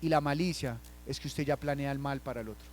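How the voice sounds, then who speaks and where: A man from Colombia, preaching a sermon and acting out everyday scenes in quoted voices, dropping to a hush and then rising loud. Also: medium pitch, fast talker, a little hiss or hum. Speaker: pastor.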